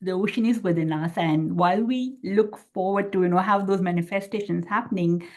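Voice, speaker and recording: A woman hosting an interview, speaking at a middle pitch, thanking her guests warmly and at length. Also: brisk, a little hiss or hum. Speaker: host. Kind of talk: interview wrap-up.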